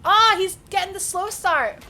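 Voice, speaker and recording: High-voiced Scottish woman streaming a game. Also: measured pace, pushed and bright, slight background noise. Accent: Scottish, Edinburgh. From Edinburgh, Scotland. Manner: informal, thinking aloud. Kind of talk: casual live gameplay commentary, chatting with viewers. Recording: music behind the voice. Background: music.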